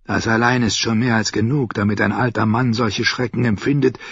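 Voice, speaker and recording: A man's voice: fairly low pitch, fairly quick, breathy edge, no echo, pitched above the performer's own voice. A man voicing a genial, sly older pirate merchant who talks in a coaxing, lilting way in a storybook reading. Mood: confiding. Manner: lilting, coaxing, fond of flattery. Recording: dull dry studio audiobook.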